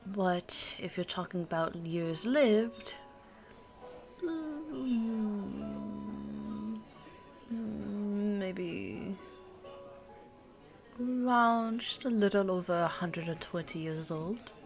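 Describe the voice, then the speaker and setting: Speaking at a medium pitch, a woman plays a coy, teasing pure-blood vampire girlfriend, ageless yet looking twenty-nine and worldly, in a one-sided ASMR roleplay. She takes her time, musing and humming before she answers, as soft music and cafe sounds play behind her.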